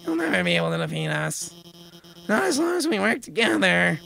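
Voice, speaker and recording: A man's voice: high-pitched, sing-song, fairly quick, gravelly, pushed and bright, soft background music, full character voice, poor audio. A man voicing a bold heroic rescuer in a video game, declaiming like a superhero. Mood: bold defiance.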